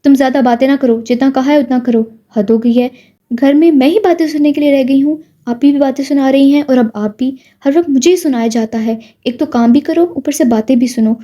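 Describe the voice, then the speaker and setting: A woman's voice: sits high, lightly acted. A woman voicing a bad-tempered middle-aged aunt who scolds angrily. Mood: angry. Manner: angry, shouting, scolding.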